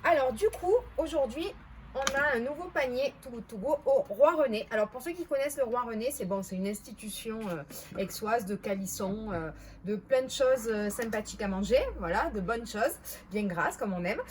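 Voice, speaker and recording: A woman's voice: a little high, normal speed, a little hiss or hum. A woman with a Marseille accent chatting casually to camera as a vlogger, hesitant and often correcting herself. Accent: Marseille French. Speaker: vlogger reviewing bargain hauls.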